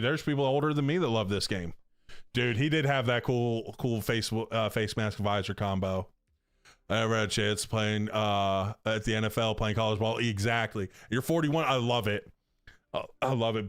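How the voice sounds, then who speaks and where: A man's voice: lowish voice, no echo, clean studio sound. A man in his thirties streaming a football video game, talking in a loose, slangy way with lots of fillers. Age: 30s. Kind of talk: casual live-stream chat.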